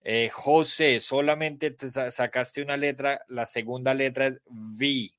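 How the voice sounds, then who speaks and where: Colombian male teacher, middle-aged, unhurried, calls out students' names and praises them. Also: mid-range voice, fairly even intonation, fairly bright tone, dry recording. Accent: Colombian Spanish. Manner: spells letters aloud, praises students by name. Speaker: English teacher. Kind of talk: live online class.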